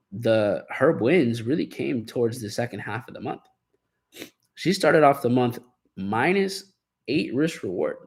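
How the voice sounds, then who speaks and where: A man's voice: medium pitch, darkish tone. Upbeat man coaching on a live stream. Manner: upbeat, encouraging, with many fillers and restarts. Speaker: trading coach hosting a live Q&A. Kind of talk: casual live-stream talk.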